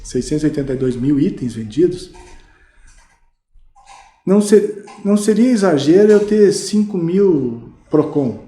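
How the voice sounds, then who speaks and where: Recorded in a roomy podcast studio, this Brazilian guest, a mattress salesman, tells animated, lively anecdotes packed with fillers during a casual storytelling interview. He has a Brazilian Portuguese accent and a dark, slightly high voice, speaking a little slowly.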